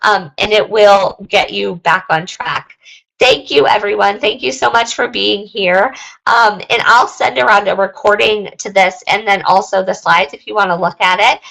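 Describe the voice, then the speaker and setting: Young woman host, gravelly fry, fading voice, rambling casual webinar talk. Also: mid-range voice, normal speed, a bit bright, poor audio. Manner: rambling, lots of ums and likes. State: losing her voice.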